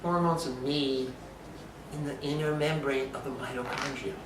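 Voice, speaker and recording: A man's voice: mid-range voice, steady tone, moderate pace, background noise. A man giving an emphatic health talk, lecturing and asking rhetorical questions. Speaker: speaker on supplementation. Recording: echoey room from far off.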